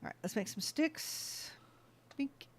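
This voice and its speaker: Taking things slowly, a gaming channel host offers casual let's-play commentary, chatting to themselves and thinking aloud while playing.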